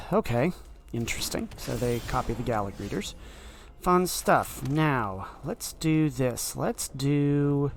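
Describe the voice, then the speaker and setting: A man's voice: mid-range voice, gravelly, a bit bright, a little hiss or hum. A man giving casual commentary while playing a card game, thinking aloud in an offhand way.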